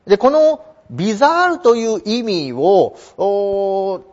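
A man teaching English, explaining a passage in an animated, emphatic lecture and reading the English lines slowly. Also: high-pitched, lo-fi sound.

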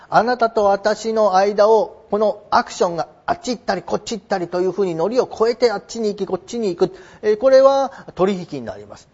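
A man explaining English vocabulary in a chatty lesson, slowing down to spell out words. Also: high-pitched, a little mellow. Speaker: English teacher. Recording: dull lo-fi recording.

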